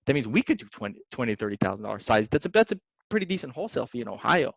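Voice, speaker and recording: A young man, a real estate investor, telling stories in a casual podcast chat, slangy and lively, calling people "man" and "dude". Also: medium pitch, rapid-fire, creaky, dry recording. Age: young adult. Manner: animated, slangy, says "man" and "dude" often. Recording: dry, slightly dull sound.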